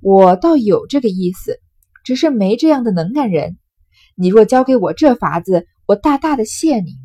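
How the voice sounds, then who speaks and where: A resentful, scheming middle-aged concubine, as a woman reading a classic novel puts her on. She pleads and persuades with urgency, louder than plain narration, her voice husky and a little rough. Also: medium pitch, lively intonation, moderate pace, no room sound, close to an everyday voice. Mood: urgent.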